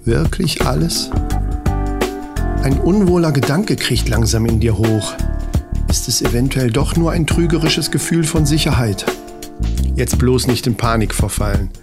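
A man's voice: mid-range voice, lively intonation, unhurried. A man reading a mock-dramatic comedy story to the listener, addressing them as you. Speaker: narrator. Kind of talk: scripted comedic narration. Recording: narration over music bed. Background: music.

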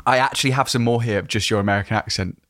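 A man's voice: medium pitch, fairly even intonation, racing, fairly bright tone. A man hosting a casual podcast chat, teasing his guest and laughing often. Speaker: host.

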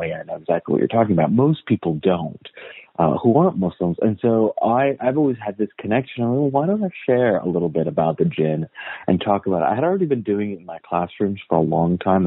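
Male guest historian, lowish voice, narrow phone-line sound, unhurried storyteller. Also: dry recording. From United States. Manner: thoughtful storyteller, frequent "uh" and repeated words. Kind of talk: casual interview conversation. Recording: tinny phone-like line, dry.

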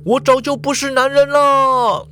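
A man's voice: extremely high pitch, fairly even intonation, measured pace, sharp tone, voice pushed up, exaggerated voice. A man voicing a depressed, cowardly former superhero who whines and wails. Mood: wailing despair. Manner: whiny, panicky, wailing.

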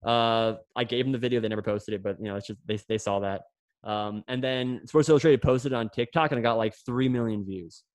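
A young former pro runner with a medium-pitched voice talks briskly on a casual podcast, captured in a dry recording. He tells a long story packed with restarts and fillers.

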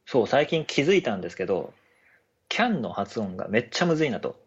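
A man's voice: mid-range voice, sing-song, fast, slightly rough. A man chatting casually and politely on a podcast, often laughing. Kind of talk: casual chat. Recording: dull lo-fi audio.

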